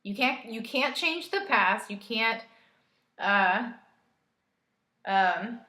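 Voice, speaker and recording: Chatty woman doing a tarot reading, bright voice, kinda echoey room, laughs a lot. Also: a little high, animated, drawn-out words. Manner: chatty, laughs easily, coaching tone. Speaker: tarot reader. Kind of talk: casual spiritual reading to camera.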